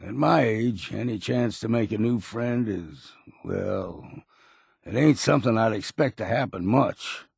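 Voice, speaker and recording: Gruff old male sea dog, very gravelly and husky, low-pitched, weary, stubborn, folksy curmudgeon, video game character. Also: unhurried, darkish tone, no room sound, clean studio sound, heavily acted. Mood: gruff, guarded. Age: older. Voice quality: gravelly, raspy. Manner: plain-spoken, folksy, curmudgeonly.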